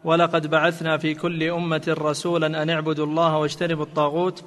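Man reading questions flatly in a hall. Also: on the high side, fast. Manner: steady, formal reading in a flat, even tone. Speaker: reader of submitted questions.

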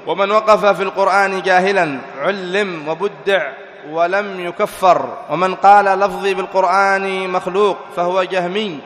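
A fairly high-voiced man gives a religious lesson, posing rhetorical questions and answering them himself. His voice rings through a large hall with a long reverb tail. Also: level tone, fairly bright tone. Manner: reads quoted text slowly and deliberately. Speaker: religious teacher. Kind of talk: lecture explaining a creed text.

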